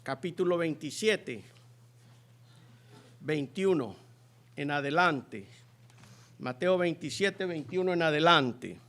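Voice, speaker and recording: Guy preaching in church, high voice, earnest, stops and restarts, gets loud reading scripture. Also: lively intonation. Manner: earnest, halting delivery with restarts. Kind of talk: sermon.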